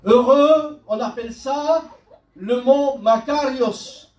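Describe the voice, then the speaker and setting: A male pastor preaching with a very high voice and an unhurried, deliberate delivery. He quotes scripture line by line. The sound is roomy and picked up from some distance, like a mic across a church hall. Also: darkish tone. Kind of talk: sermon.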